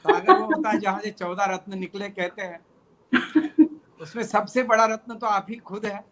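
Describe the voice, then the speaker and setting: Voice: mid-range voice, normal speed, fairly bright tone, low-quality recording. An interviewer who asks long, polite questions and praises the guest.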